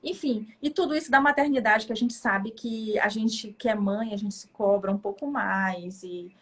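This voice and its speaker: A woman's voice: mid-range voice, moderate pace. A middle-aged woman from Brazil, a judge, telling her story in a casual, emotional interview.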